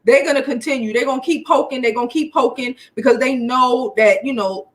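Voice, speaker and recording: With a voice that sits high and a brisk delivery, an American woman comments on gossip as the host of a YouTube livestream. She is casual, sassy, blunt and slangy, and the sound is reverberant.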